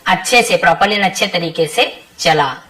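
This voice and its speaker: A woman teaching a translation lesson, reading English phrases slowly and then explaining each word patiently. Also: fairly low pitch, sharp tone, far from the mic, low-quality recording. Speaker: English tutor.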